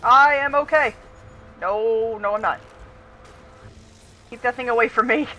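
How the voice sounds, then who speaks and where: A woman streaming a team game, chatting casually with friends, playful and goofy, often laughing and shouting. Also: fairly high pitch, a little slow, muffled recording, faint music behind. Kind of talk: casual gaming chat with friends.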